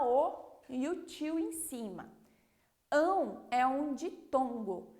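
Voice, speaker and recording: A Brazilian woman teaching a primary school class, explaining patiently and checking in with the children often. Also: fairly high pitch. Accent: Brazilian Portuguese. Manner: slow, patient, clear word-by-word explanation; checks understanding with frequent "ok?".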